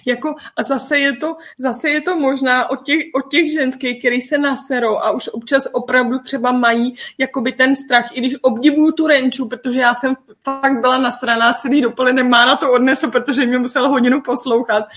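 A woman's voice: sits high, steady tone, hardly any pauses, a bit bright. A woman hosting a casual panel discussion, blunt and heated, swearing casually. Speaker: host.

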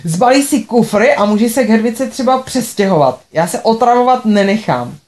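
A woman's voice: a little high, animated, a little mellow, close to an everyday voice. Woman reading as a fed-up dad, blunt and angry. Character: fed-up, gruff father.

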